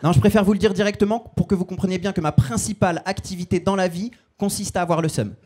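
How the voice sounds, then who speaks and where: A man's voice: sits high, fast talker, a little mellow. A man in his twenties performing a self-mocking stand-up set on stage, in a casual slangy way. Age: 20s. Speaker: stand-up comedian. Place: stage before a live audience.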